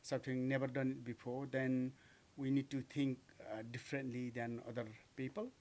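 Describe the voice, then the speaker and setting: A man's voice: medium pitch, flat delivery, moderate pace, darkish tone. A man from Nepal with a Nepali accent, answering interview questions in a radio studio, hesitant and full of "uh" and "um". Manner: hesitant, many "uh" and "um", simple phrasing. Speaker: guest, mountaineer.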